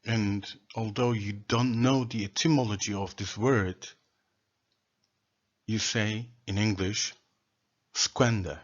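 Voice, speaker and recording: Slow husky man. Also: lowish voice, steady tone, muffled recording. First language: Turkish. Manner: slow, deliberate, lists words one by one. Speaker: presenter of a language theory. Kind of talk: solo explanatory lecture.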